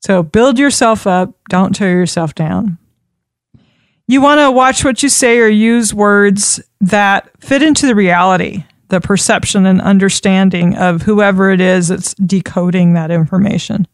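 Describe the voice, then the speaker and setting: A woman giving an instructional talk on communication, measured and repeating key points for emphasis. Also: medium pitch, no echo, clean studio sound. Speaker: communication trainer.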